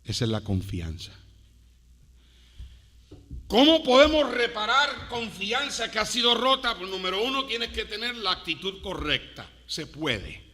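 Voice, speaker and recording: A man preaching a sermon to a congregation, with dramatic swings between hushed and loud delivery and playful asides to his listeners. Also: high voice, wildly swooping pitch, measured pace. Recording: long hall reverb.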